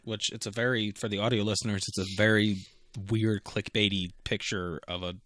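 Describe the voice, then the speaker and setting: Young dude cracking jokes on a podcast, lowish voice, dry close sound. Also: male voice, level tone, a little fast, a bit bright, no echo. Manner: joking, laughs often, swears. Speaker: podcast co-host. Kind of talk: casual chat.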